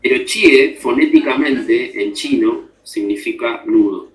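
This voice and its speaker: A man's voice: medium pitch, a little slow. A man teaching a class, explaining step by step and often checking that students follow. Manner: explanatory, checks understanding with frequent tag questions. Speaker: instructor. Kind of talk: classroom lecture. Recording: echoey room.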